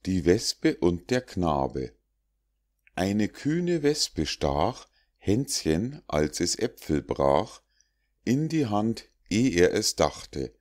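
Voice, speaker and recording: A man narrating an audiobook of rhymed fables in a measured, rhythmic reading. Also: deep voice, big pitch swings, a little mellow.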